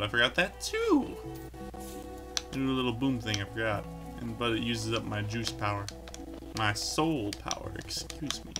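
A man hosting a casual let's play, commenting on his game in a goofy, jokey, self-mocking way at a desk microphone. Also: medium pitch. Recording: game music playing underneath.

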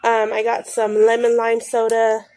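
Fairly high-pitched yet monotone and mellow, this woman keeps a measured pace over a faint hiss or hum. She's an adult vlogger with a daughter, stuffy from a cold, talking casually and full of ums through a grocery haul at home as her phone camera points at the items.

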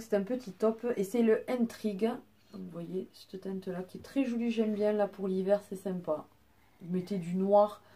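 With a warm voice on the low side, a young woman chats casually at home while presenting her nail polish collection. A beauty vlogger, she fills the product show-and-tell with fillers and frequent restarts.

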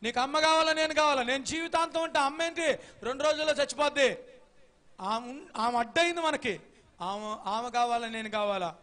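A man's voice: very high-pitched, moderate pace, fairly bright tone. A man voicing a scheming young wife who pushes her husband against his mother, in a preached story.

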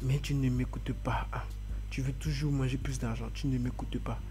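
A man plays a patient husband with a middle-pitched voice who soothes and chides in turn. Faint music sits under the dubbed track. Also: moderate pace, close to an everyday voice. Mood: chiding. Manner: calming, placating, mildly defensive. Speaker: husband and father. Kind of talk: dubbed film acting.

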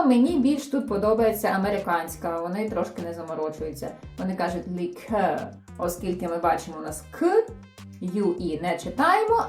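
Young female teacher, animated delivery, faint background music, slightly echoey room. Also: mid-range voice. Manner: clear, explanatory, lively teaching tone. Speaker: English teacher. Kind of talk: online reading lesson.

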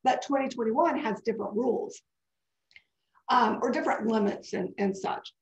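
Her voice is a little high and gravelly, congested and scratchy, at a normal speed. She's a webinar presenter in her forties on a webcam video call, chatty and digressive while fielding questions. The audio comes through dull and echoey.

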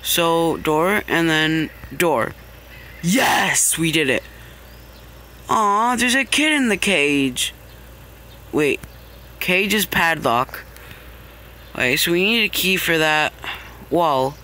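Male gamer for casual let's play narration: bright, high voice, hesitant, thinking aloud. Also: animated, takes it slowly, pauses often, a little hiss or hum. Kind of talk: casual gameplay commentary.

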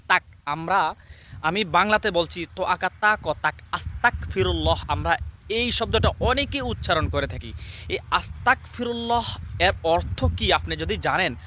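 A man preaching in a sermon video, earnest and emphatic as he speaks straight to his viewers. His voice is bright and forceful and sits a little high. He slows down to spell out Arabic words sound by sound. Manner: repeats Arabic words slowly to teach pronunciation. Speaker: religious speaker.

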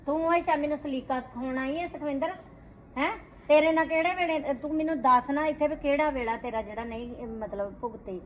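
An actress playing a middle-aged sister-in-law who scolds with indignant rhetorical questions, speaking Punjabi-accented. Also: female voice, high-pitched, brisk, slight background noise, close to an everyday voice. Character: sister-in-law defending her household, middle-aged woman. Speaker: actor in a family drama. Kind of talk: scripted short film acting.

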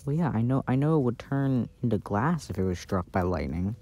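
A man performs a casual, intimate ASMR boyfriend roleplay, soft-spoken and playful, with a medium-pitched, expressive voice at a fairly quick pace. It's recorded outdoors, so ambient noise comes through in the background.

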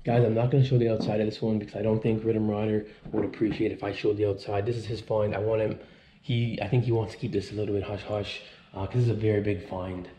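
This vlogger, a man in his thirties, talks fast in a fairly low, mellow voice with little pitch movement. Camera held at arm's length, he tours the large empty rooms of a mansion, voicing his thoughts and awed reactions, with a bit of background noise.

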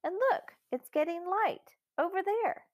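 A woman's voice: very high-pitched, unhurried, no echo, voice pushed up. A woman voicing a practical, slightly fussy elder sister in a storybook reading. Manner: fussy, practical, well-spoken. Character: sensible, practical elder girl.

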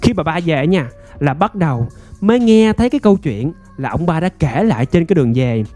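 A man tells a ghost story in a loose, chatty way, stretching out his phrases and filling them with small asides. His voice sits a bit high for a man. Soft music plays faintly behind him. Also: lively intonation. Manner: chatty, drawn-out storytelling with many fillers. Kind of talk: casual ghost story narration.

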